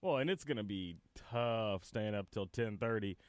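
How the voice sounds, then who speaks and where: A man's voice: fairly low pitch, expressive, moderate pace, no echo. A man with an American Midwest accent co-hosting a sports radio show. He chats easily and laughs along with his partner. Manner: laughs easily, talks in long, searching sentences. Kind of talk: casual sports talk radio banter.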